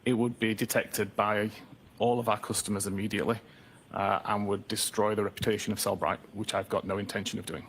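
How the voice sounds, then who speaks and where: A man with a low voice testifies as an expert witness, and the sound is a courtroom recording with a faint hiss underneath. He answers in a measured, technical way and often pauses on "uh" before he goes on. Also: steady tone, fairly bright tone.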